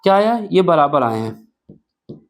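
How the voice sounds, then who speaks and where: A man's voice: on the high side, sing-song, takes it slowly. A man teaching a board-exam math lesson step by step, asking questions and answering them himself. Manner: asks rhetorical questions and answers them, self-correcting aloud.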